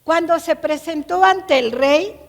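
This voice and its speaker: High-voiced woman preaching in a church. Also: a little slow, long reverb tail. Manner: storytelling, asks the audience questions. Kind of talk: sermon.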